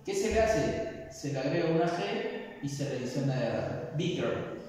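A man's voice: fairly high pitch, animated, a little slow, darkish tone. A man teaching English in a classroom, patiently explaining and checking understanding with frequent tag questions. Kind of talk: classroom lesson. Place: echoey classroom. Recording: very echoey hall, voice from far off.

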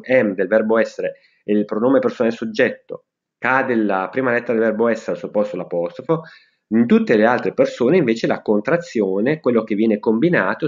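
A man teaching English grammar to school pupils, slowly spelling out example sentences. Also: mid-range voice, muffled recording.

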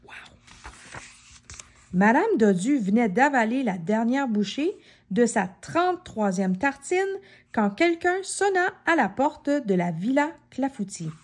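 A woman reading a children's storybook aloud in an expressive way, often asking questions of the child listening. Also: a little high, unhurried.

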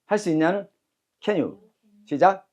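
Male teacher, slightly high voice, barking drill cues in a brisk lecture. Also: lively intonation, a little mellow. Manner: brisk and commanding, barks cues and repeats phrases. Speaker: English teacher. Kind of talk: classroom lecture with call-and-repeat drills.

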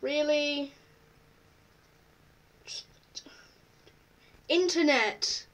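A woman with a high voice chats casually through an online quiz, reading each question aloud and answering offhand. She sits a little back from the microphone, so her voice carries some distance. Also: drawn-out words. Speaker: vlogger. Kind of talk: casual chat while taking an online quiz.

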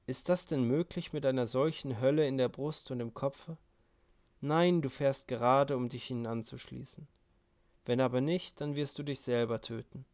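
A man's voice: mid-range voice, steady tone, moderate pace, darkish tone, no echo, lightly acted. A man reading the part of an anguished young man who pleads with his brother, in an earnest voice. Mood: pleading.

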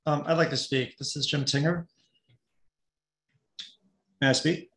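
A man's voice: fairly high pitch, fairly even intonation, measured pace, a bit bright, roomy sound. A middle-aged man, a town youth director, giving passionate, pleading public comment at a zoning hearing over a video call. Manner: passionate, pleading, emphatic repetition.

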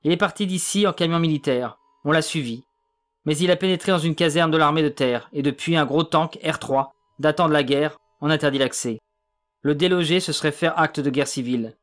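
A man's voice: fairly high pitch, a little fast, fairly bright tone, faint music behind, natural voice. A man voicing an anxious, defensive young police officer in an audiobook. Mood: tense.

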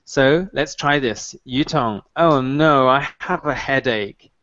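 Over dull, dry video-call audio, a thirtysomething man with a mid-range, slightly bright voice gives an English mini-lesson through a headset from a small home room. He speaks clearly and patiently, encouraging the learner and modeling phrases slowly.

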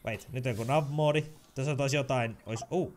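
A man giving excitable let's play commentary while gaming, chatty and full of sound effects. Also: medium pitch, slight background noise. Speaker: gamer.

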